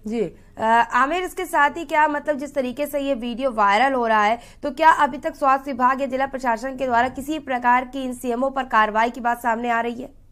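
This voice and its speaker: A woman's voice: sits high, fairly quick, fairly bright tone. A young woman anchoring breaking news in a television bulletin, repeating her phrases as she presents. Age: young adult. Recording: studio voice over news music.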